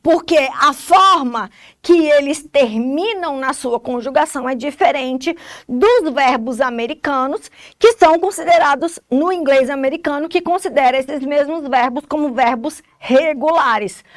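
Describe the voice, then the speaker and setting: A woman teacher with a Brazilian Portuguese accent and a high voice walks through a recorded lesson. She explains each point step by step and keeps checking understanding with short tags. The sound is close and dry. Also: normal speed, no echo. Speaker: English teacher.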